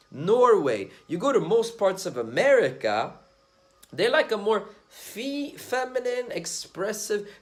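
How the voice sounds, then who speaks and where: A young Swedish man talks directly to camera in a casual monologue as a dating commentator vlogger, loose and slangy in style. His voice sits a little high for a man and swings widely in pitch, and he is blunt, swearing freely.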